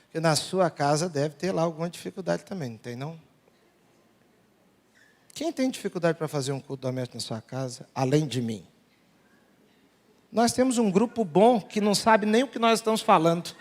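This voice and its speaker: Preaching in a big sanctuary with long hall reverb, this male pastor from Brazil speaks a little high with lively intonation at normal speed, leaving long pauses. His sermon is humorous storytelling about his family, complete with acted-out dialogue.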